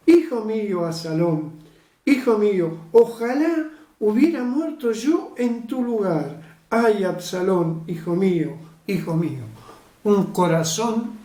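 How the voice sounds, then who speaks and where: Slow-preaching woman in an echoey room. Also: mid-range voice, darkish tone, distant mic. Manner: slow, emphatic preaching with repeated phrases. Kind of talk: sermon.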